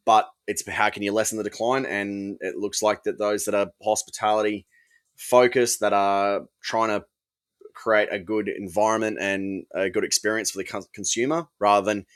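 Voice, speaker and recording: Low-voiced Australian man chatting. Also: flat delivery, fairly bright tone. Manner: measured, many "um" fillers. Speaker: podcast co-host. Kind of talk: casual beer podcast chat.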